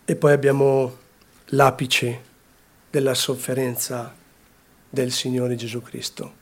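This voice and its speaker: A man preaching a sermon, slowly and deliberately, repeating phrases and swinging between hushed and raised delivery. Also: medium pitch, little pitch movement.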